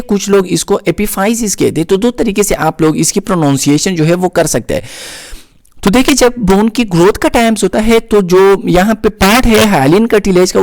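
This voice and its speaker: A man with a Pakistani Urdu accent gives a slow, repetitive nursing lecture over slides, with frequent "uh" fillers. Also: sits high, a little mellow, no echo. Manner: explains slowly, repeating terms, with frequent "uh" fillers. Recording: dry close recording.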